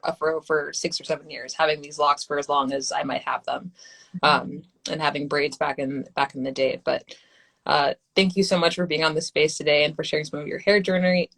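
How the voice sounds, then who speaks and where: A woman runs a live audio chat with a slightly low voice. She greets each guest and asks her questions in a friendly way. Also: fairly bright tone, rough recording. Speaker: host and moderator.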